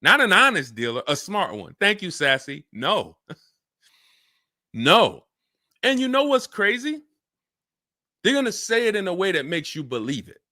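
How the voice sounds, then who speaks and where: A man hosting a live car-buying Q&A stream, talking fast and energetic and acting out buyers and salesmen in quick asides. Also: sits high, no echo, studio quality. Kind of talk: live-stream Q&A, casual and animated.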